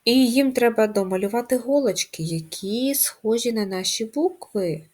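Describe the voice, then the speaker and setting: Here a woman teaching primary school speaks a touch high, with a somewhat dark tone. Her delivery to the young kids is slow, clear and sing-song, full of patient questions and sounds spelled out one by one.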